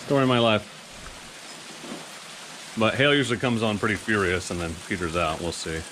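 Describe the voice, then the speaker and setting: A man's voice: lowish voice, lively intonation, moderate pace, noisy background. A man hosting a motorcycle vlog, chatting casually to camera in a playful, self-deprecating way.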